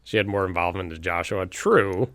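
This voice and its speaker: Low-voiced man streaming a game. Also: fairly quick, fairly bright tone, no room sound. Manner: rambling, informal, swearing, often chuckling. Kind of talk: casual live stream commentary.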